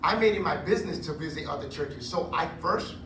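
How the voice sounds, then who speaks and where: A man in his forties preaching a sermon on a church stage into a handheld mic, chatty and animated with joking asides. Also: fairly high pitch, fairly quick, distant mic. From Puerto Rico heritage. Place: church stage with curtain backdrop. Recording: echoey room, recorded from afar, noisy.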